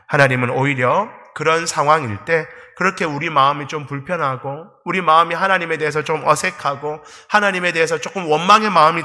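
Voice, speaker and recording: A man's voice: a little high, sharp tone. A male pastor preaching an evening church sermon with earnest emphasis, voicing prayers and God's words. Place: church sanctuary. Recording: long church hall reverb.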